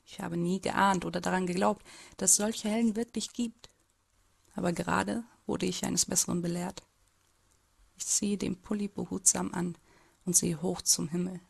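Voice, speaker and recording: Woman voicing a timid, husky teenage boy narrator. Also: on the low side, steady tone, normal speed, exaggerated voice. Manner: hesitant, subdued first-person narration. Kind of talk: amateur audio drama narration.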